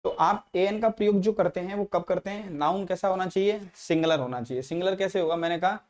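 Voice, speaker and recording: In a classroom lecture on English grammar, a high-voiced man speaks briskly with a slightly mellow tone. He says every example twice and keeps checking understanding through frequent tag questions.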